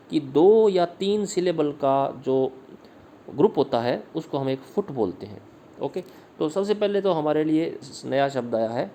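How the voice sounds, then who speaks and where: Man, literature teacher, slide lesson, slow repeated examples, mellow tone. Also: mid-range voice, a little hiss or hum. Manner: patient, repeats words slowly to model pronunciation; reads English slide text slowly, then explains. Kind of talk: slide-based video lesson.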